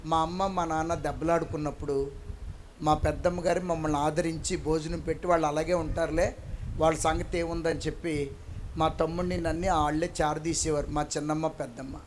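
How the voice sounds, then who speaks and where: A man's voice: fairly high pitch, a little hiss or hum. A man preaching a church sermon and acting out the people in his stories. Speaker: pastor. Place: church during an all-night prayer service.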